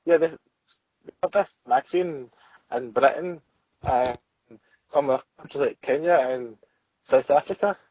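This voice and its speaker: A man's voice: mid-range voice, a little slow, long pauses, darkish tone, no room sound, muffled recording. A man chatting casually as a guest, giving short, offhand replies. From Scotland. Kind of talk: casual chat.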